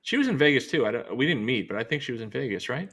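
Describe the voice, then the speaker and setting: Dude cohosting, bright sharp voice, blunt teasing, swears a lot. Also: male voice, medium pitch, very animated, very fast, vocal fry, breathy edge. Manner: blunt, teasing, crude banter. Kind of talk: casual chat.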